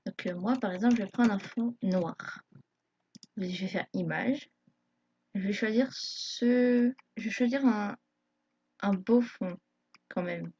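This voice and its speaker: A woman's voice: mid-range voice, slow pace, long pauses, a little mellow, husky. A woman walking viewers through a screen tutorial, talking hesitantly with many fillers like a self-conscious beginner. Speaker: YouTube tutorial maker. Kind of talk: live screen tutorial narration. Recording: dull lo-fi home recording.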